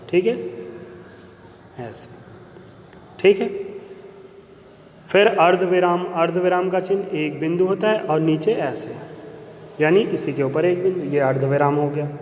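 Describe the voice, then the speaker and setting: A male Hindi teacher giving a grammar lesson to children, explaining slowly and repeating key points. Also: on the high side, darkish tone, slight background noise. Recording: echoey room with long reverb, faint ambience.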